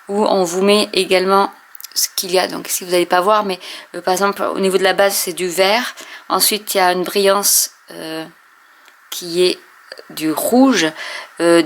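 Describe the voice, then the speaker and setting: A woman casually showing and testing inks, hesitating often with many fillers and often trailing off softly. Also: fairly low pitch, a little hiss or hum. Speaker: craft video host. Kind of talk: casual product demo.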